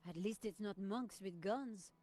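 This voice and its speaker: A woman's voice: mid-range voice, a little slow, dark tone, lightly acted. An actress playing a clever, teasing female companion in an adventure game. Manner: wry, teasing.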